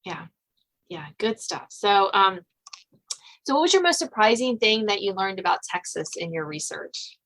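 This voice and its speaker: Speaking at medium pitch with an expressive, slightly bright delivery and moderate pace, an American podcast host and suspense novelist conducts a relaxed interview. She's chatty and meandering, forever saying "you know" among other fillers, captured on a rough recording.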